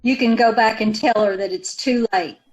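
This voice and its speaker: In an old-time radio drama, an actress voices a bitter, worn-down poor woman who is also a protective sister, speaking in a folksy, ungrammatical drawl. Her voice is a little high for a woman, and she spits out grudges at a moderate pace, defiant and resentful throughout, lightly acted on poor audio.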